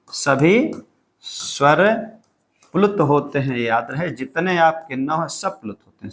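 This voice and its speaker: Male tutor, slightly high pitch, patient step-by-step exam-prep explainer. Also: fairly bright tone. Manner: explains step by step, repeats key points. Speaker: teacher.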